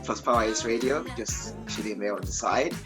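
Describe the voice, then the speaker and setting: A woman hosting a radio interview in a casual, bubbly way, laughing often and pausing on fillers. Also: rumbling low, over music. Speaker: radio show host.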